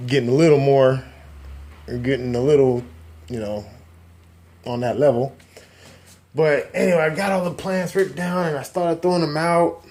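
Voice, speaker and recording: A man in his forties telling his religious testimony in a rambling, halting way, with many restarts and trailing asides. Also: fairly high pitch, a little mellow, slight background noise. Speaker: person sharing a testimony. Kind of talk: casual personal testimony.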